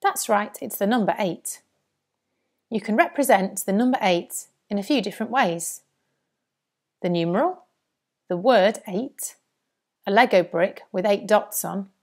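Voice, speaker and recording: A woman's voice: medium pitch, a little slow, pauses often. A woman presenting a scripted lesson for young children as a primary teacher, in a singsong manner. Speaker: primary school maths teacher.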